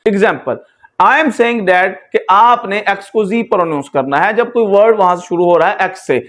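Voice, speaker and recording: Guy teaching pronunciation rules, slow and patient, keeps giving examples. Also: high-pitched. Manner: slow, explanatory, switching between Hindi-Urdu and English. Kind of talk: explaining rules in a lesson.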